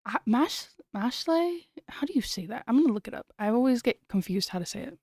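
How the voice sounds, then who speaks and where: A young woman streamer talking casually, her slightly high voice full of giggles and half-finished thoughts. She rambles and restarts. The sound is close and dry, with no room around her. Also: animated, a little fast, a little mellow, husky, no echo. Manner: chatty, giggly, trails off and restarts. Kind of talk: casual late-night stream chat.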